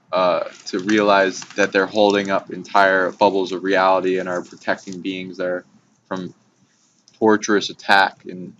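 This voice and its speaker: This man's voice sits on the low side and sounds a bit bright as he hosts a casual, rambling discussion of spiritual concepts. He hesitates often and curses now and then, and the hobby-made recording is muffled, noisy and clicky.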